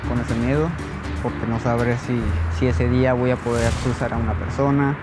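A man, answering interview questions outdoors in a calm, measured way, often repeating words as he thinks. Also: medium pitch. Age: 30s. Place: outdoors at dusk near a border fence. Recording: music bed under the speech.

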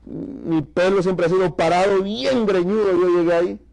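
Guy from mexico preaching a testimony in church, high voice, keeps saying brother to the crowd. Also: steady tone, normal speed, creaky, darkish tone, low-quality recording. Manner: emphatic, addresses congregation as brother. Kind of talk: sermon testimony.

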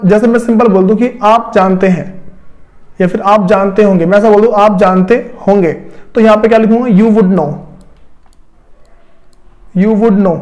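A man's voice: high-pitched, a little mellow. A man teaching an English grammar lesson, explaining step by step and asking himself rhetorical questions as he writes on a board. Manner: repetitive, rhetorical questions to students.

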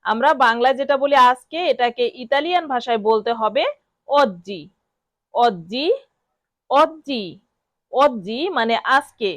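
A woman with a Bengali accent, teaching a vocabulary lesson and repeating each word slowly for learners to copy. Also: a little high, dry recording. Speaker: language teacher. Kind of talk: instructional lesson.

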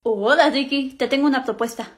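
Lady doing a sly bossy sister, highish voice, comedy skit schemer. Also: brisk, natural voice. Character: scheming, smug young sister.

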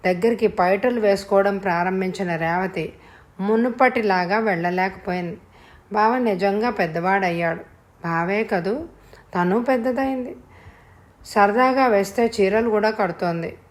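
A woman narrator reading a family novel aloud in a steady storytelling way. Her delivery is even and unhurried, typical of an audio book. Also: mid-range voice.

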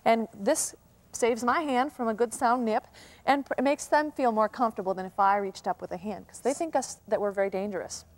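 A woman working as a wolf handler, calmly and patiently explaining what she does during an educational broadcast. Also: a little high, fairly quick. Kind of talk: educational live broadcast demonstration.

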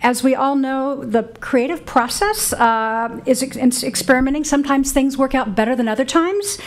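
A woman moderating a library panel, casual and halting, with restarts. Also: high voice. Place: library event room, indoors.

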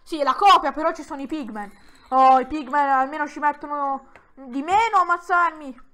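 Excitable high-voiced woman gaming commentator. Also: moderate pace. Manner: excitable, dramatic exclamations; talks straight to viewers. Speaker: gaming YouTuber. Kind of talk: Minecraft let's-play commentary.

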